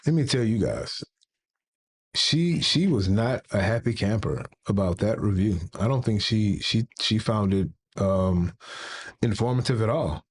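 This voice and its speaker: A man's voice: fairly low pitch, expressive, measured pace, husky. A man hosting a casual tech livestream, rambling and playful and often restarting his sentences. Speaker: livestream host.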